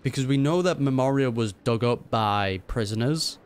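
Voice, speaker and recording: A man hosts a gaming reaction, giving casual playthrough commentary in a laid-back, slangy style. His voice is mid-range at a moderate pace, with game music behind him and slight background noise.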